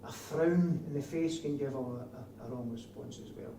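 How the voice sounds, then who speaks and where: A trainer of door supervisors with a broad Scottish accent teaches a class, putting questions to his trainees in a gravelly, medium-pitched voice at a moderate pace. The microphone is distant, the room echoes, and there's faint noise.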